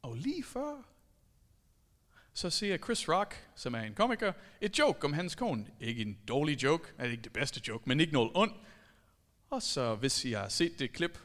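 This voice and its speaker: Lively, high-voiced male preacher. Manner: animated storytelling, addresses the audience. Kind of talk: sermon. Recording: long hall reverb.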